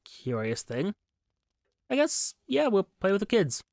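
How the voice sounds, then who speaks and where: A gaming video host musingly comments on a game as he plays, curious and hesitant, mixing in dialogue he reads aloud. His high, creaky, darkish voice swings hugely in pitch at an unhurried pace, recorded in studio quality with no room sound.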